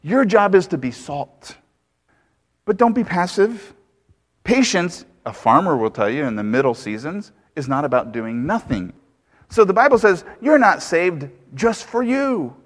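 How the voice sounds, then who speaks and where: A man's voice: on the high side, animated, a little slow. A man preaching a sermon as pastor, emphatic and full of rhetorical questions. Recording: long hall reverb.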